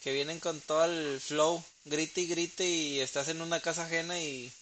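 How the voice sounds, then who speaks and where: Bright-voiced joking Mexican man. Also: on the high side, steady tone, moderate pace. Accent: Mexican Spanish. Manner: joking, laughs often, mimics people. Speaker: podcast co-host. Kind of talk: casual chat among friends. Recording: faint hiss.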